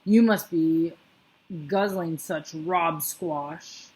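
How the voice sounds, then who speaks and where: A woman voicing a huge, greedy, brutish male giant who talks in a slow, booming growl. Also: a little mellow, full character voice. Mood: gruff, menacing.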